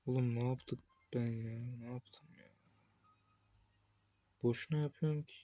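A young man playing a horror game, talking to himself with excited outbursts and cursing at the game. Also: medium pitch, measured pace, highs cut off. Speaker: gameplay streamer. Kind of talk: casual gameplay commentary.

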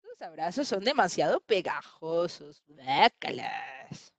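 Woman doing a squeaky leopard cub. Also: wildly swooping pitch, measured pace, dry recording, heavily acted. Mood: complaining. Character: little lonely leopard cub, whiny and sweet.

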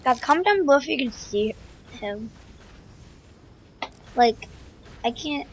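A woman giving casual gameplay commentary, chatty with many fillers and sudden excited outbursts. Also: high voice, a little slow. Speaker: gaming video creator. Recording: loud game noise behind voice. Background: game sounds and vehicle noise.

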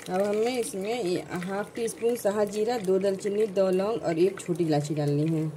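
A woman narrating a home cooking tutorial, calmly explaining each step in order. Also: medium pitch, moderate pace, slight background noise, rough recording. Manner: calm step-by-step instructions. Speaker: cooking channel host.

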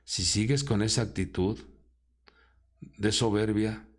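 A man preaching a sermon dramatically, his pitch rising high and dropping low as he acts out quoted voices. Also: slow. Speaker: apostle preaching.

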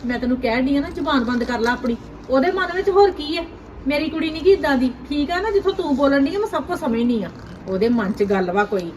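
Actress as high-voiced village mom, blunt and scolding, echoey room. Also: female voice, expressive, fast, a little mellow, a little hiss or hum. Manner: scolding, blunt, rhetorical questions. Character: stern village mother, scolding and worried.

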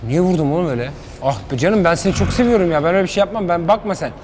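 A man vlogging in a joking, animated way, talking to his viewers. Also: high-pitched, racing, a little hiss or hum. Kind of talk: comedic vlog.

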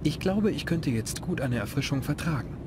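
Dry, self-mocking adventurer hero, played by a man, cabin rumble behind. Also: animated, normal speed, close to an everyday voice. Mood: wry. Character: wry young male adventurer. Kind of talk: fan-dubbed adventure game dialogue.

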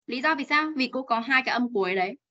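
A woman's voice: fairly high pitch, lively intonation, fast talker, sharp tone, dull audio. A young Vietnamese woman teaching English on a video call, coaxing students to repeat and drilling their pronunciation. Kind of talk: online class teaching.

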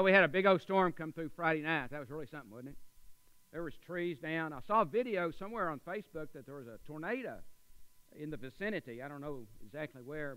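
Bright-voiced Texan preacher, folksy and emphatic. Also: male voice, a little high, smooth, dry recording, low-quality recording. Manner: folksy, builds to loud emphatic peaks. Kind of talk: sermon. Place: church sanctuary.

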